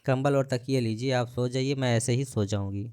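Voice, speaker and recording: A man's voice: medium pitch, steady tone, normal speed, darkish tone, clear, resonant tone, dry recording, close to an everyday voice. A cheerful young sister-in-law who coaxes and jokes with an easy lightness, voiced by a man narrating a story. The sound is close and dry, with no room around it. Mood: coaxing.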